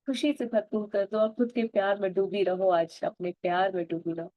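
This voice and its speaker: A woman leading a self-affirmation practice, speaking Hindi mixed with English and slowly repeating loving phrases to herself. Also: mid-range voice, steady tone, no room sound, muffled recording.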